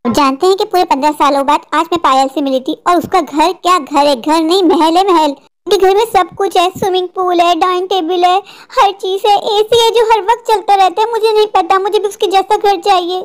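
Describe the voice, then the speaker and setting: A woman's voice: extremely high pitch, steady tone, normal speed. A woman voicing a discontented young wife in a cartoon dub, complaining bitterly about her poor life. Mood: arguing.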